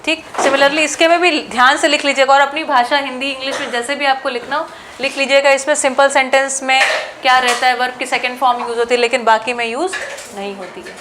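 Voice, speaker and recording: A woman teacher with an Indian accent, drilling English grammar sentences in a classroom lesson, slow and word by word. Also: high voice, steady tone, background noise.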